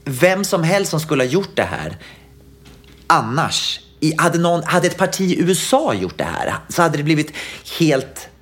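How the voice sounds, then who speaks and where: A man co-hosting a casual chat, animated and indignant, quick to agree with his partner. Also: a little high. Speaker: podcast co-host.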